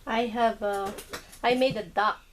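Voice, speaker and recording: A woman's voice: a little high, fairly even intonation, a little slow. A woman playing with her small son at home, talking to him in simple, patient words. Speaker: mother playing with her toddler. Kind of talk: casual home video play. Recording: home video with noise.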